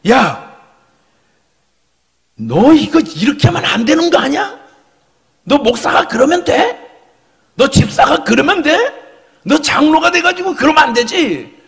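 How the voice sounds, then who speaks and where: A man voicing a stern male church elder who scolds with rapid-fire rebuking questions. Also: very high-pitched, sing-song, gravelly, a bit bright, long reverb tail, pitched above the performer's own voice, exaggerated voice. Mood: scolding.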